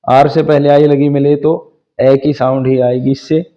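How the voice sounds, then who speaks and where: A man's voice: mid-range voice, level tone, moderate pace. A man teaching English phonics, spelling out words letter by letter and sounding each part patiently. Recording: dull lo-fi sound.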